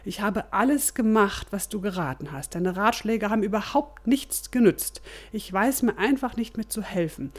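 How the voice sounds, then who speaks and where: A woman's voice: mid-range voice, expressive, normal speed, voice pushed up, natural voice. A woman voicing a pious, troubled man who pleads and complains about his cramped home. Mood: pleading, complaining.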